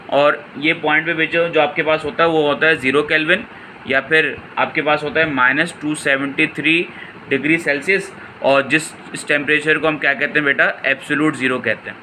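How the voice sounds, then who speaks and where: A man explains exam solutions in a fairly high, strikingly bright voice. He calls his students "beta" and asks questions only to answer them himself. A faint air-conditioning hum runs underneath. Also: steady tone, moderate pace, poor audio. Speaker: physics tutor.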